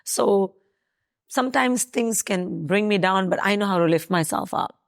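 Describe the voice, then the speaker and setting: A woman's voice: medium pitch, moderate pace, creaky. A woman in her thirties from South Africa, talking casually as an interview guest, hesitant with many fillers and restarts.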